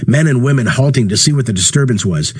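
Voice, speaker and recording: A man with a husky voice reading a story aloud, voicing the dialogue by lifting his pitch. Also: lively intonation, fast. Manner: acts dialogue with rising pitch. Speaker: narrator. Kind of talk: audiobook reading.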